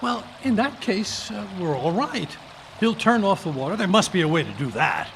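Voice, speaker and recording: A performer playing Dr. Watson, a flustered, blustering gentleman sidekick, stammering and exclaiming in old-time radio drama style. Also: mid-range voice, big pitch swings, moderate pace, gravelly. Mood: relieved. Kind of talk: old-time radio drama acting, live stage reading. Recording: live conference recording, background water noise.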